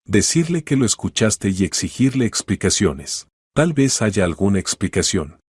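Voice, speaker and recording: A man reading the lines of a practical, calm older sister who gives measured advice in a narrated story. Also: lowish voice, breathy edge, dry recording, studio quality. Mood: calm, concerned.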